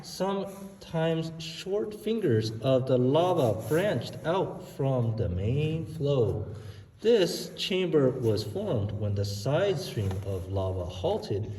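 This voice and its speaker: A man touring a dark lava tube cave, reading the signs aloud and teasing with fake scares. His voice carries the cave echo. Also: medium pitch, sing-song, slow, slight background noise. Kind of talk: casual tour chat, reading signs aloud. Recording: echoey cave with long reverb.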